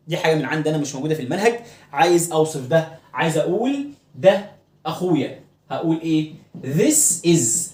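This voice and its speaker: A man with an Egyptian Arabic accent, teaching an English lesson and explaining pronunciation, who often repeats words slowly to drill them. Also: on the high side, echoey room.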